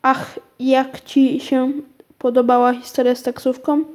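A tiny magic bead speaks in a soft, silvery little voice, voiced by a woman reading the story. He is solemn and eager, his words slow and earnest. The tone is warm and mellow. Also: high-pitched, level tone.

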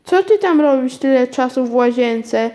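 A woman reading aloud, voicing an impatient mother who calls out loudly to her daughter. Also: high voice, animated, moderate pace.

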